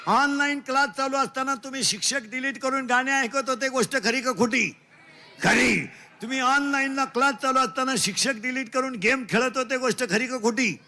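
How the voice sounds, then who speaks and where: A man with a Marathi accent giving a comic devotional sermon, loud and teasing, quizzing his listeners in call-and-response and mixing in broken English lines. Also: very high voice, moderate pace. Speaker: kirtan preacher.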